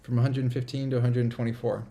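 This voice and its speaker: Gravelly-voiced man chatting on a livestream. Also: mid-range voice, level tone, racing, dark tone, a little hiss or hum. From United States. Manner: rambling, upbeat, reads chat comments aloud. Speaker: live stream host. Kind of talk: casual live stream chat. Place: small apartment indoors.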